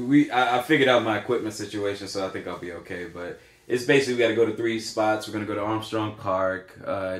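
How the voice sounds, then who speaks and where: A man in his thirties co-hosts a podcast, speaking casually in a lowish voice. He rambles and hesitates, with frequent fillers and restarts, and the room echoes around him.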